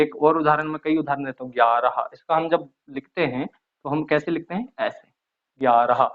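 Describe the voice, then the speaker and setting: A man teaching Hindi grammar, who asks questions and answers them himself and repeats each example slowly. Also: on the high side, muffled recording. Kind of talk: explaining at a whiteboard.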